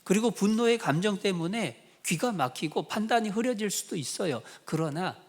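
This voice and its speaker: A man preaching a sermon as pastor, telling a story with acted quotes and lively bursts of emphasis. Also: high voice, moderate pace.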